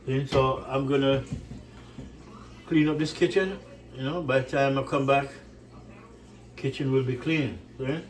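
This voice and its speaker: A Jamaican cook addresses his channel's viewers casually from his home kitchen, speaking unhurriedly with long pauses in a mid-range, fairly even voice far from the mic. His manner is warm, rambling and repetitive, with frequent "right?" checks.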